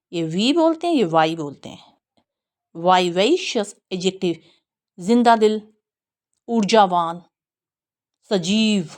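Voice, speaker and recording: A woman teaching English pronunciation, who says each word slowly many times over and explains the stress patiently. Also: fairly low pitch, a little mellow. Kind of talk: pronunciation lesson with slow repeated drills.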